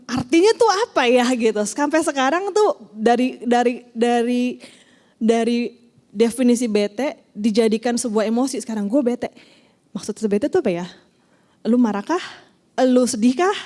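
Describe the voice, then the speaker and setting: Woman with slang, mellow voice. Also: on the high side. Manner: mixes English phrases into casual slang, frequent fillers; animated when acting out examples. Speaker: church youth leader giving a talk. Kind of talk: casual talk to a group.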